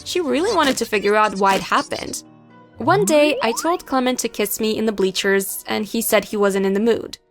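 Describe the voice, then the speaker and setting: Young woman narrating an animated story. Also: fairly high pitch, moderate pace, faint music behind.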